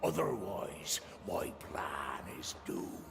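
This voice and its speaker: An actor playing a gruff old sea dog, a scheming pirate captain who gives slow, theatrical warnings in a gravelly, whispery voice for a video game. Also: male voice, extremely low pitch, very animated, music in the background, full character voice. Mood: ominous, secretive. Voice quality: gravelly, breaking into hoarse whisper. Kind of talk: scripted dramatic game voice acting.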